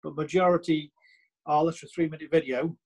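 A man's voice: a little high, fairly even intonation, fast, darkish tone, breathy edge, poor audio. A man with a Stoke-on-Trent accent chatting casually on a podcast, emphatic and repeating his points with plenty of "you know".

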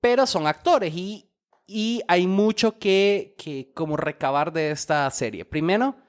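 A man's voice: high voice, unhurried. A young man, chatting casually as a podcast co-host in a loose, rambling, slangy way with many restarts. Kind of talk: casual chat.

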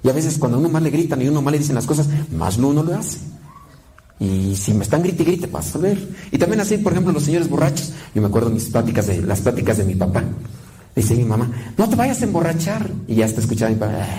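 A man's voice: mid-range voice, fast, dark tone, rough recording. A man preaching a sermon in a conversational way, often asking "right?" and acting out quoted lines. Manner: conversational, with tag questions and quoted asides.

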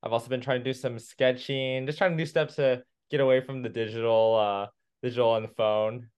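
Smooth-voiced earnest young man. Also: medium pitch, steady tone, a little mellow. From California. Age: young adult. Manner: earnest, with some "um" and "uh" pauses. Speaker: new podcast co-host. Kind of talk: casual chat.

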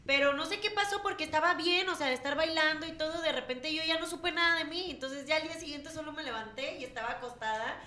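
High bright Mexican woman telling a story. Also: fast, hardly any pauses, a little hiss or hum. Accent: Mexican Spanish. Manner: laughing, lively anecdote telling. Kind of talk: casual storytelling.

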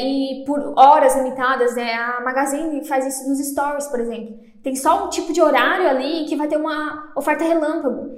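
Fast-talking woman in an echoey room. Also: high-pitched. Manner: fast-talking, self-deprecating, trips over words. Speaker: podcast host. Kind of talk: solo podcast talk.

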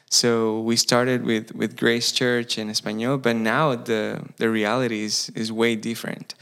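With a medium-pitched, somewhat bright, smooth voice, this Costa Rican man speaks English with a Spanish accent. He's a campus pastor sharing his story in a relaxed interview, earnest in manner and often restarting phrases while he hunts for the right English words.

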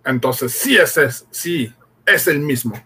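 A male actor playing an authoritative army general with a husky, commanding delivery in an old radio drama. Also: fairly high pitch, animated, takes it slowly, bright, forceful tone, exaggerated voice. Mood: pondering.

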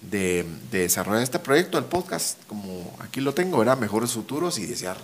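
A man's voice: fairly low pitch, sing-song, moderate pace, slight background noise. A Guatemalan man with a Guatemalan Spanish accent who hosts a podcast, agrees easily with his guest, and uses local sayings. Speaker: podcast host. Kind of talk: casual podcast conversation.

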